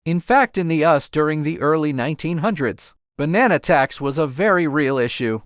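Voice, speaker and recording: A man's voice: fairly high pitch, expressive, brisk, no room sound, studio quality. A man narrating a comedic explainer video in a jokey way, often using mock-simple broken grammar.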